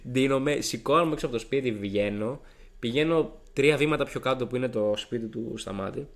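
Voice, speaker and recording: A young man with a hoarse, gravelly voice, co-hosting a podcast and telling a rambling story with lots of restarts. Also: mid-range voice. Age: young adult. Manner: animated, rambling, frequent restarts and acted-out quotes. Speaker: podcast co-host. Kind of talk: casual storytelling chat.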